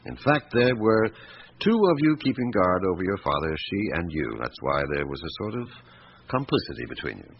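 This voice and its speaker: Deep-voiced, probing police inspector. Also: male voice, big pitch swings. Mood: quietly insistent. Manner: probing, measured, wry. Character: probing, patient male police inspector, middle-aged or older. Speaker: police inspector questioning suspects. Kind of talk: radio drama acting. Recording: dull, noisy old radio recording.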